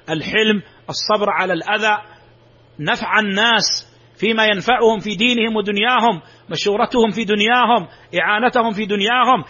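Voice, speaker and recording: A man's voice: sits high, bright, forceful tone. A man giving a sermon, emphatic, his voice rising sharply when he exclaims. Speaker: preacher. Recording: dull lo-fi recording.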